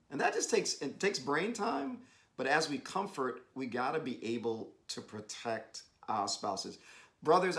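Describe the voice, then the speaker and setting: A man giving a devotional talk with his wife, exhorting and emphatic, rising to bursts of excitement, speaking over a video call. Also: mid-range voice, gravelly. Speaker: husband co-hosting a devotional. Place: home, joining an online meeting.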